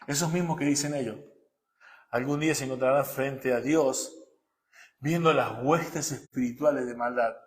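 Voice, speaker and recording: A male pastor, preaching emphatically and questioning his congregation, swinging from loud to hushed. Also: mid-range voice, moderate pace. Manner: emphatic preaching, rises and drops sharply, asks the congregation questions. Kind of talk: sermon.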